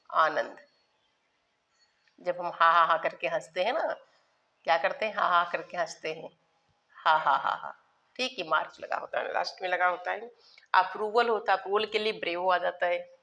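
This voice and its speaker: A woman's voice: on the low side, fairly bright tone. A woman teaching a grammar lesson, spelling words out letter by letter and repeating key terms as she explains. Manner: addresses students as children, asks and answers own questions.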